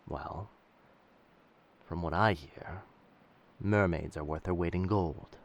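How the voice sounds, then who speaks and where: A man plays a roguish, commanding pirate captain in a roleplay audio drama, using old seafaring diction and addressing others as lass and sir. His exaggerated voice is low, creaky and slow, sounding intrigued and gentle, and the highs are cut off.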